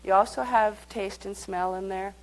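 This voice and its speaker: A woman teaches a live workshop, talking conversationally as she guides the group through exercises. Her mid-range voice stays steady at a normal pace, and the recording quality is low.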